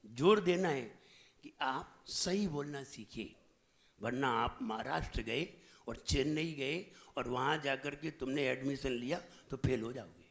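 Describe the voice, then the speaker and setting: A man's voice: mid-range voice, unhurried, vocal fry. A man with a central Indian Hindi accent, a Jain monk giving a sermon, who emphatically drills his audience on correct pronunciation with repeated questions. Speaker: Jain monk teaching recitation. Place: lecture hall at a training camp.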